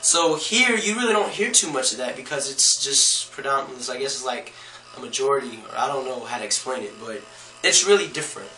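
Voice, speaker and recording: A man's voice: medium pitch, lively intonation, fairly quick, sharp tone, soft background music. A man from California with a Californian accent, talking in a casual, slangy vlog full of fillers. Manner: laid-back, slangy, many fillers. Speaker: vlogger. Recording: roomy echoey room.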